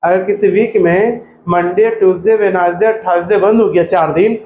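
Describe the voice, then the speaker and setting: A male coaching teacher, talking to a class in a joking, lively way and mimicking students. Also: high-pitched, normal speed, highs cut off. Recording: echoey classroom with faint noise.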